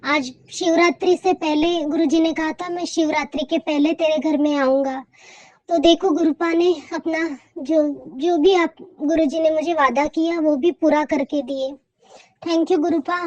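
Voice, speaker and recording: High-voiced woman giving devotional testimony. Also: a little mellow. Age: adult. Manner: heartfelt, repeats thanks over and over.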